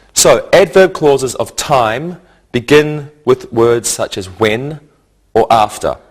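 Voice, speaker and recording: A man with a mid-range voice teaches English grammar from a script. He speaks deliberately and didactically, laying out each point in short phrases.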